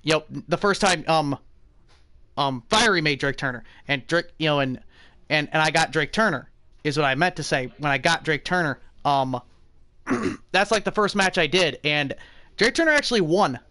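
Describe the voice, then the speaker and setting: Brief: male streamer, excitable casual commentary, high bright voice. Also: moderate pace, no echo. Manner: excitable, often clears his throat.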